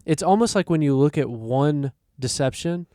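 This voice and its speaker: A man's voice: fairly high pitch, lively intonation, normal speed, dark tone, no echo, studio quality. A man co-hosting a podcast in casual conversation, thinking aloud with restarts and little quoted asides. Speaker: podcast co-host.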